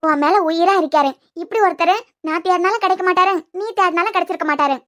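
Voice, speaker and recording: A woman voicing a gentle elderly grandmother in a cartoon series, speaking with a Kanyakumari accent in a coaxing, motherly, scolding way. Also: very high-pitched, fast. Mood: soothing. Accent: Kanyakumari Tamil. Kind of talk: cartoon web series voice acting.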